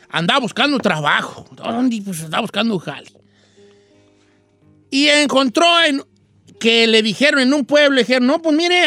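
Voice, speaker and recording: A man's voice: very high voice, pushed and bright, dry recording, heavily acted. A man with a Mexican accent playing a folksy old rancher who hosts a radio show and tells a rambling, slangy joke, acting out voices and axe sounds.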